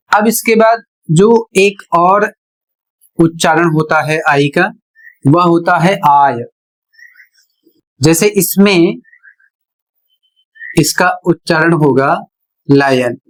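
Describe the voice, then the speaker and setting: Pronunciation teacher, very slow delivery, mid pitch, step-by-step explaining. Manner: measured, repetitive rule-by-rule explaining. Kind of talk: slow explanatory lesson narration.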